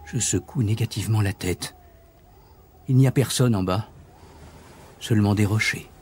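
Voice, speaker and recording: A man reading a children's story aloud as narrator, in an expressive, animated way. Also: fairly low pitch, normal speed, slight background noise.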